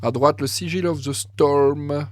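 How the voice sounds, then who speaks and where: A man commenting on a card game match, excitable and thinking aloud as he goes, often correcting himself. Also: on the high side, takes it slowly, no echo.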